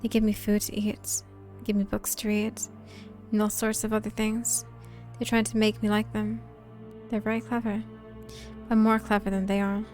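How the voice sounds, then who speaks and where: A woman streamer narrating a dark story game aloud in quiet, tense first person, dropping to whispers at times. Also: medium pitch, monotone, normal speed, faint music behind. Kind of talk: dramatic reading of a story game.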